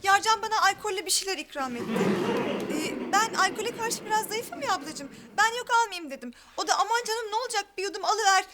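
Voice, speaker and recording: A woman's voice: very high voice, animated, fast, noisy background. An actress playing a naive, girlish young fiancée who turns tearful. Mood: chatty.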